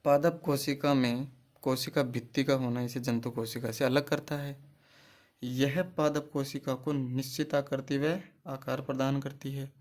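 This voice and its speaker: A man teaches exam-prep biology in an unhurried, darkish mid-range voice with little pitch movement. Asking questions and answering them himself, he repeats key terms throughout the lecture.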